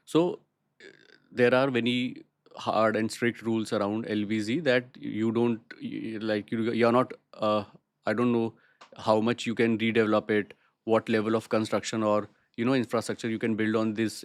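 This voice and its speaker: Indian male podcast host, asks stuff kinda haltingly, really dry room sound. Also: lowish voice, no echo. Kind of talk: conversational interviewing.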